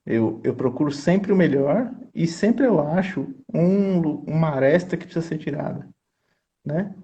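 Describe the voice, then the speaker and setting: A man's voice: fairly high pitch, lively intonation, unhurried, dark tone, lo-fi sound. A man, a choir conductor and composer, explaining his craft in an earnest, teacherly way and often checking in with his listener. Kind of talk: explanatory conversation.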